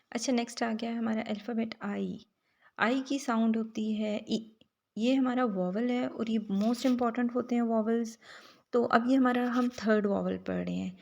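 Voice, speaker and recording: A woman's voice: on the high side, creaky. A young woman teaching phonics, patiently sounding out letters and words one at a time. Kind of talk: slow teaching lecture.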